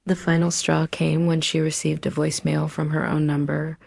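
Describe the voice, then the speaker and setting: There's no room sound in this studio-quality clip of a woman hosting and narrating a scripted horror story. She uses a low voice with constant fry, keeps her pitch within a tight band, and speaks deliberately with dramatic pauses between phrases.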